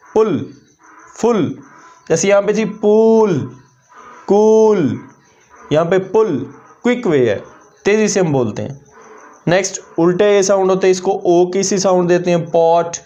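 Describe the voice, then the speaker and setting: A man's voice: high-pitched, darkish tone. A man teaching a lesson, explaining step by step and repeating example words aloud. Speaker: English teacher. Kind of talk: classroom-style lesson. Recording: dull lo-fi recording.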